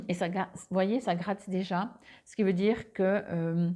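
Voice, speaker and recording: A woman's voice: mid-range voice, dark tone. A woman doing a casual monthly card reading on a clip-on mic, hesitant, with many fillers and restarts. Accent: Swiss French. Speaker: tarot card reader.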